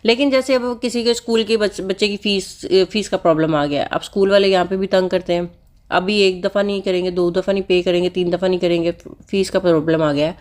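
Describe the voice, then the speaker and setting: A woman's voice: medium pitch, fairly even intonation, fast talker, darkish tone. A woman vlogger with school-age children, earnestly explaining a personal practice to viewers in a casual, repetitive, instructive way. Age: adult with school-age children. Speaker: vlogger sharing personal religious advice. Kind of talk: casual heartfelt talk to viewers.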